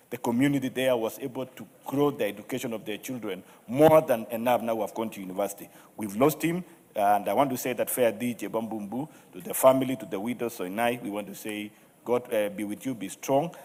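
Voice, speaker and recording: A Kenyan man speaks in a fairly low voice, delivering a parliamentary eulogy. Long reverb from a big chamber surrounds his words. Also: darkish tone. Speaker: member of parliament. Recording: reverberant hall.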